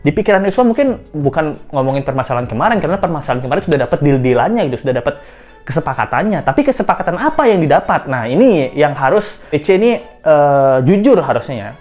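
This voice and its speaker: Low-voiced chatty woman commentator. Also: very animated, fast talker, darkish tone, faint music behind. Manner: chatty, speculative, acts out quotes, laughs at own jokes. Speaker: host of a commentary channel. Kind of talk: casual news commentary.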